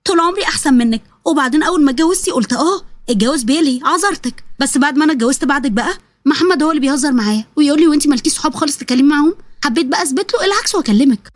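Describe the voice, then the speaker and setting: A woman's voice: high voice, animated, very fast, no room sound. A woman voicing a playful, teasing young female friend with an Egyptian accent. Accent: Egyptian Arabic.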